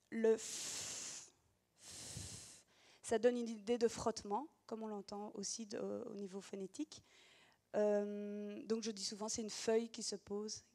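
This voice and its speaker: A woman's voice: medium pitch, mellow. A woman teacher giving an explanatory demonstration of reading gestures, talking patiently with frequent hesitations.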